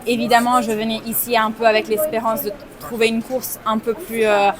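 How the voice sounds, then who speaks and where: A woman's voice: fairly high pitch, completely flat delivery, brisk. A woman in her twenties, an athlete and native Italian speaker with a slight Italian accent, talking in a hesitant way and searching for her words after a race. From Italy. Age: 20s. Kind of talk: post-race interview. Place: outdoors at a stadium. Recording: crowd noise behind.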